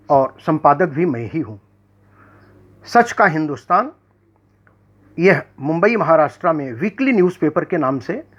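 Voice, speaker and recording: A poet and magazine editor recites poetry in a measured, declamatory style, often repeating a line before continuing, with a formal manner suited to addressing an audience. His tone is fairly bright, though the lo-fi recording sounds dull with the highs rolled off.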